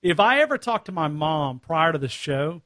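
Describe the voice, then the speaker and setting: A man's voice: a little high, big pitch swings, normal speed, fairly bright tone, dry recording, studio quality. A man from North Alabama co-hosting a sports radio show, chatting casually, laughing and restarting his words.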